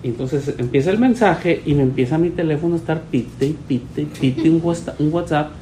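A man, a pastor teaching his church in a relaxed, storytelling way. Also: on the high side, moderate pace, a little hiss or hum, low-quality recording. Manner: conversational, storytelling, voices quoted people.

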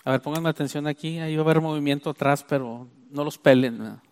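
A man preaches a sermon in a voice pitched a little high for a man. He explains scripture emphatically, repeating himself and stretching out the words he wants to stress. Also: darkish tone, clear, resonant tone. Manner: emphatic, stresses key phrases with slow drawn-out words; repeats and restarts while explaining.

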